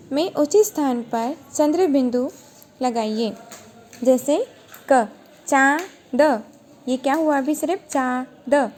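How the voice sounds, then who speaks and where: A woman's voice: high voice, darkish tone, a little hiss or hum. A woman teacher giving a recorded grammar lesson, asking questions and then answering them herself.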